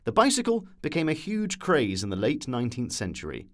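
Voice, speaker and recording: Reading a scripted documentary narration at a brisk clip, this man lets his pitch swoop wildly up and down throughout the story. His delivery carries a wry edge.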